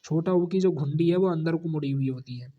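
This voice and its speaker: Teaching spelling to exam candidates, a Hindi-accented man repeats every corrected word and lets his voice fall low on the answer. His pace is brisk, and the recording sounds muffled.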